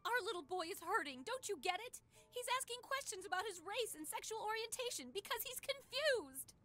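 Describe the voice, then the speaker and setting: A woman playing an exasperated, protective mother in an animated comedy game. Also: extremely high pitch, fairly quick, exaggerated voice. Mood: upset, pleading.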